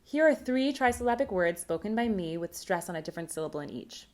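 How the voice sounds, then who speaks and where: Measured woman giving a linguistics talk. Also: medium pitch, animated. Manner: clear, measured, explanatory. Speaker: linguistics conference presenter. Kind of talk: recorded academic talk.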